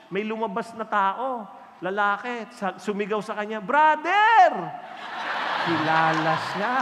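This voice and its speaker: Bright high-voiced male preacher in a hall. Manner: animated storytelling with jokes. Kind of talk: sermon. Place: large hall with an audience. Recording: echoey hall reverb.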